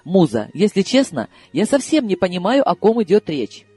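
A man doing a gruff, bewildered middle-aged colonel in an audiobook. The voice stays mellow and a little husky, lively in pitch, with questions that come out baffled and blunt. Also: moderate pace, faint music behind, heavily acted.

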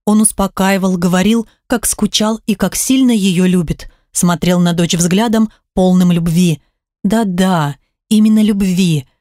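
A woman reading a first-person audiobook slowly and with feeling. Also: fairly low pitch, warm tone, no room sound, studio quality. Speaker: audiobook reader.

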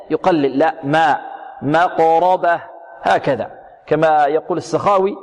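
A man teaching tajweed, repeating words slowly, drilling single sounds, asking and answering his own questions. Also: fairly high pitch. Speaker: Quran recitation teacher. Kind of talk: tajweed lesson on pronunciation. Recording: long hall reverb.

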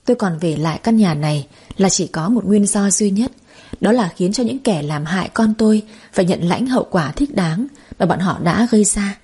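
A woman narrating a first-person story in a calm, quietly bitter way. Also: medium pitch, normal speed, breathy edge.

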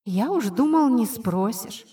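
A woman's voice: on the high side, lively intonation, unhurried, warm tone. A woman voicing a cheeky invisible male spirit that turns into a tiny winged kitten, speaking in a nasal whisper with a teasing, condescending manner, in an audiobook reading. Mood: sulky teasing. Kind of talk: audiobook narration.

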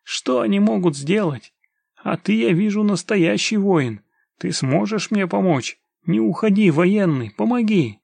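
Desperate pleading mountaineer father, gravelly and raised pitch, as a male narrator puts him on. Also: lively intonation, measured pace, dry recording, heavily acted. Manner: pleading, wailing.

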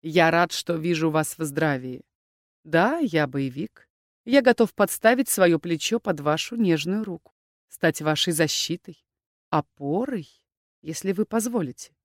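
A woman doing a low, cold dark elf warrior. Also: animated, unhurried, no echo, clean studio sound. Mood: gentle courtly. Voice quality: low, quiet voice. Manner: cold and firm, then soft and gallant. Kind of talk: audiobook narration.

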